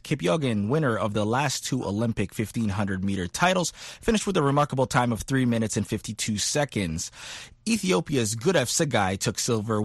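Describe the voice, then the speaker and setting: A man presenting a radio sports news show, reading the results in a clear, measured newsreader manner. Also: mid-range voice, a bit bright, no room sound, clean studio sound.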